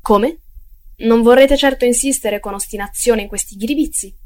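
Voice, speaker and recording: A woman's voice: fairly high pitch, normal speed, darkish tone, lightly acted. A woman voicing an exasperated male lawyer who questions his clerks in a raised, insistent voice.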